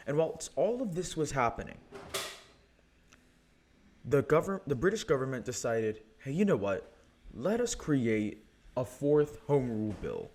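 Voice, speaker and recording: A man's voice: mid-range voice, slight background noise. A young American man hosting a history podcast, telling events in a casual, conversational way with many fillers. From United States.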